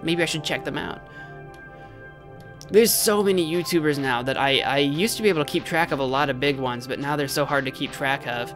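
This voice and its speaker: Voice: medium pitch, a little fast, a bit bright, faint music behind. A game livestream host chatting casually with viewers, playful and rambling, often repeating phrases.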